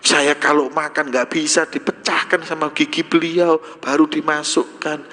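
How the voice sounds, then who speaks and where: A man voicing a bitter blind old man in a retold story, speaking slowly and plaintively. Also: on the high side, level tone, bright, forceful tone. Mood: tender. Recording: echoey hall reverb.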